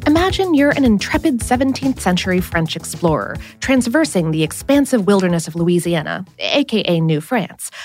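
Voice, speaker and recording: A woman's voice: medium pitch, a little mellow, no echo. A woman hosting a podcast, reading a scripted explainer in a wry, playful storytelling manner with a studio microphone. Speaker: podcast host.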